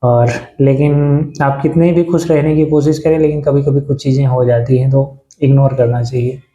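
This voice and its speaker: A man in his thirties chatting reflectively to camera in a halting way, pausing and restarting often. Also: mid-range voice, little pitch movement, mellow, roomy sound, muffled recording. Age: 30s. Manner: halting, with many pauses and restarts. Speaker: vlogger. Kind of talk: casual reflective talk to camera.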